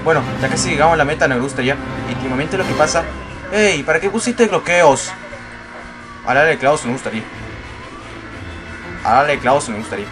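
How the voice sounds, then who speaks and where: A man playing a racing game and commenting playfully, yelping and shouting whenever he crashes. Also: a little high, brisk, pauses often. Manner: excitable, yelps and shouts at crashes. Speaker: gameplay commentator. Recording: game music loud behind voice.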